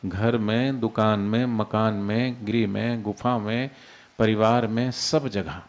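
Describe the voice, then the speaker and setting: Calm man giving a spiritual talk. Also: on the low side, highs cut off. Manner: unhurried, explains with everyday examples, demonstrates soft and loud speech. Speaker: spiritual teacher. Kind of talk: devotional discourse.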